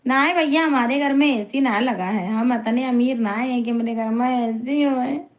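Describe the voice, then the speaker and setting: High-voiced chatty woman live streamer. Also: measured pace. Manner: chatty, teasing, laughs often. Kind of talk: live-stream chat, reading viewer comments aloud.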